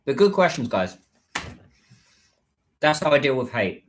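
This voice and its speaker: A British man, a livestreamer and business content creator, chats casually on a livestream, rambling a little with plenty of fillers and restarts. His medium-pitched voice is sing-song and measured in pace.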